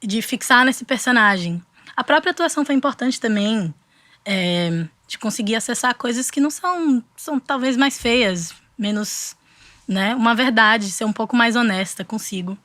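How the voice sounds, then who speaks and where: Her voice sits on the high side, expressive and fairly bright, at a moderate pace with no room sound. She's a young woman from Brazil with a Bahian Portuguese accent, a guest artist thinking aloud in a casual interview with many restarts and fillers.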